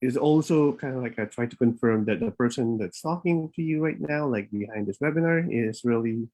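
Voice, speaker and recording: A man's voice: mid-range voice, brisk, darkish tone. Man, live webinar host, informal and rambling, slightly out of breath, laptop mic. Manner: informal, rambling, with frequent fillers and restarts. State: a bit out of breath. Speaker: immigration consultant and webinar host.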